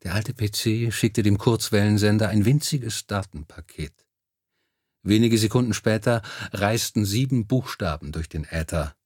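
Man, audiobook narrator, low voice, measured scripted reading, dry close recording. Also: a little mellow, breathy edge, no room sound.

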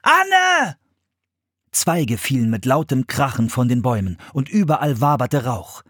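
Brief: male narrator, husky, lively melody, dry close sound. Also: medium pitch, normal speed, no room sound. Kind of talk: audiobook narration.

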